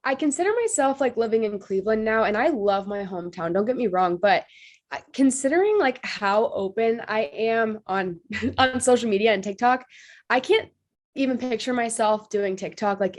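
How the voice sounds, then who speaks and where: Her voice sits on the high side, brisk and a little mellow, with a slight allergy nasality. The Ohio woman in her twenties chats as a podcast guest in a relaxed interview, bubbly and upbeat, quick to laugh and full of "like" fillers.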